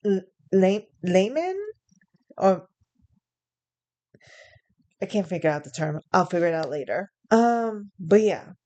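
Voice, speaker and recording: A young adult woman from New York vlogs a personal story in a mid-range, mellow voice with lively intonation, speaking slowly and pausing often. She rambles, chuckles, and corrects herself frequently, and the recording's highs are cut off.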